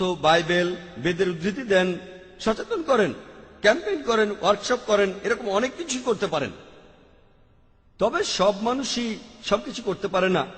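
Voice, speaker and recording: A man answers audience questions at a religious lecture in a high, carrying voice. He works methodically, reciting verses and listing what can be done point by point. The sound hangs in a long hall reverb. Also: fairly bright tone. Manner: methodical, quotes scripture verses and lists options.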